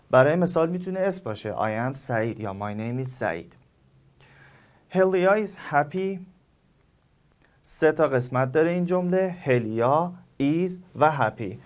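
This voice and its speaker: A male English teacher with a Persian accent, a native Persian speaker, giving a recorded lesson and explaining slowly with repeated examples. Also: mid-range voice.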